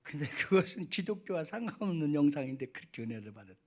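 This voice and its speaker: A middle-aged man, a pastor, preaching a sermon in a church, swinging between quiet asides and loud, high, fervent peaks. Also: very animated, fast talker. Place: church sanctuary.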